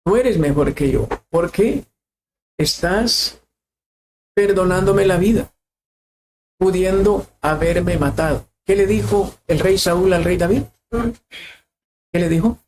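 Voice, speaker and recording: A man's voice: high voice, takes it slowly, darkish tone, slight background noise. Man preaching with repeated questions. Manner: questioning, repeats phrases for emphasis. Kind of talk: sermon.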